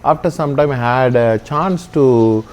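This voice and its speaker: A man from Sri Lanka, a Jesuit priest earnestly telling the story of his vocation with frequent pauses and fillers. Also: medium pitch, a little mellow, a little hiss or hum. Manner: earnest, often slowing and hesitating with fillers. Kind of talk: reflective personal storytelling.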